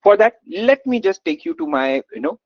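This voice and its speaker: A Gujarati instructor speaking Indian English coaxes answers from students in a live online coding lesson, full of energy, praise and repetition. His voice sits high and moves at normal speed. The recording is dull, muffled, dry webinar audio without echo.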